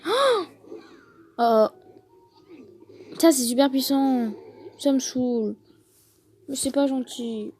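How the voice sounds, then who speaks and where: A woman giving casual gameplay commentary, excitable and fretful, thinking aloud to her viewers. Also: sits high, slow pace, long pauses. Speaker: gaming video host. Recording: noticeable background noise.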